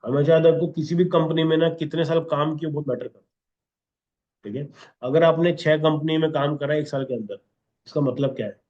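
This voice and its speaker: A man's voice: a little high, fairly quick, muffled recording. A man teaching a class in a lesson, checking in with "okay?" after nearly every point. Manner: instructive, repeats 'okay?' constantly. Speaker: instructor.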